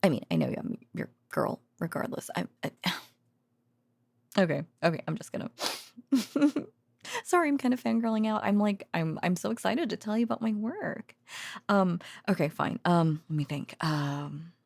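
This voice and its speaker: Close to the microphone with no echo, a voice actor plays an affectionate, rambling researcher girlfriend easing her boyfriend to sleep in an intimate ASMR-style roleplay. Her mid-range voice moves at a moderate pace, breathy and soft, often nearly whispered. She's giddy and wandering, hesitant and chatty, with sighs and giggles.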